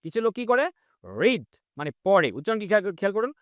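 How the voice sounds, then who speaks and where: A man with a Bengali accent teaching English reading, slowly drawing out model sentences between quick explanations. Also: high voice, sing-song, no room sound, clean studio sound.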